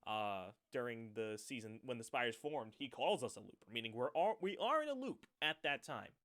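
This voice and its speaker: A man hosting a casual gaming chat, animated and loose, swearing and acting out quoted lines. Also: mid-range voice, normal speed. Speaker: podcast host.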